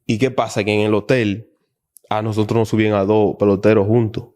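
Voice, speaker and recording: A man's voice: lowish voice, brisk. A young man, telling a story as a podcast guest and acting out the dialogue. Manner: animated, acts out quoted dialogue. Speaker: guest baseball player. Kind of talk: casual storytelling interview.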